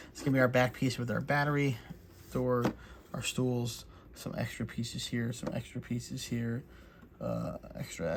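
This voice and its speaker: Male hobby host, mid pitch, laid-back and chatty with lots of fillers, faint noise floor. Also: creaky. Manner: relaxed, chatty, many fillers. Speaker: crafts channel host. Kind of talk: casual unboxing walkthrough.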